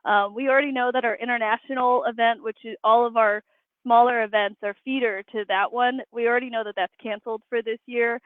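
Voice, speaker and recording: Speaking as an arborist guest on a remote call, she explains things plainly while answering interview questions. The voice sits a little high, holds a steady tone, and moves fairly quickly, all through a dry, tinny, phone-like connection.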